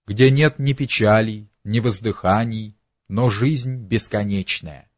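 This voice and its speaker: A man voicing a gentle, solemn old monk elder who speaks quietly and tenderly. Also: lowish voice, takes it slowly, no room sound, muffled recording.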